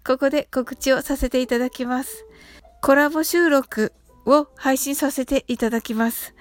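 A woman hosting a podcast English lesson, talking politely and chattily with soft fillers. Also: high voice, fairly even intonation, normal speed, soft background music. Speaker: host of an English-learning podcast.

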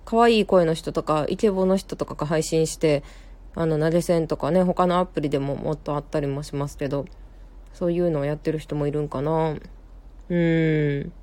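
A young woman with a Kansai accent chats through a casual live stream. Her voice sits on the low side and sounds warm and mellow. She talks in a rambling way, with plenty of fillers and quick self-corrections. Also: steady tone. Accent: Kansai Japanese. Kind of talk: casual live-stream chat reading viewer comments.

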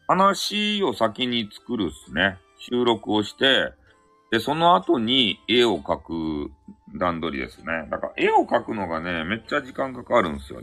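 A man with a Hakata dialect talks on a live audio stream in a low but bright voice that swings widely in pitch. He rambles, restarts and corrects himself as he goes. Faint music plays behind him. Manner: rambling, self-correcting, chuckles. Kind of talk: casual solo live chat.

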